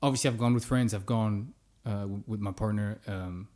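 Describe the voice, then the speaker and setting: A podcast guest in his thirties chats casually at normal speed in a fairly low-pitched voice, relaxed and informal, laughing often. He was born in the United States but grew up in many countries.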